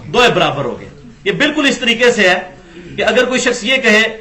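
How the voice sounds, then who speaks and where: A man delivers a religious lecture in a high voice. His tone is bright and cutting, and he presses his argument with pointed rhetorical questions. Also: very animated. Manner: argumentative, rhetorical questions, acts out quoted dialogue.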